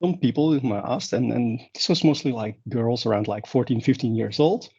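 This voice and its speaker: Gravelly and dark with a breathy edge, this medium-pitched man speaks at a moderate pace. He's a Belgian conference speaker, Dutch by first language, who rambles and keeps restarting amid many fillers. The recording sounds dull and low-fidelity.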